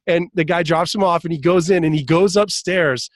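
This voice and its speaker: A man with a somewhat high voice tells a long story in a relaxed podcast conversation. He laughs often and jumps his voice up when acting out what others said. The sound is dry and close to the mic. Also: moderate pace, no room sound. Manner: animated, laughs often, acts out quotes in raised voice. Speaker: podcast guest, hypnotist. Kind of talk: casual storytelling chat.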